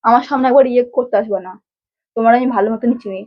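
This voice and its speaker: A woman's voice: fairly high pitch, rapid-fire, highs cut off, a little hiss or hum. A young woman scolding her husband in a heated domestic argument, repeating herself insistently. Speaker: vlogger's wife.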